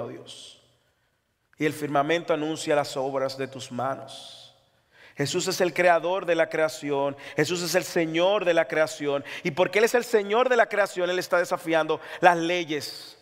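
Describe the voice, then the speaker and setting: A man's voice: a little high, normal speed, big-room sound. A man preaching an impassioned sermon as pastor, reading scripture aloud. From Latin America.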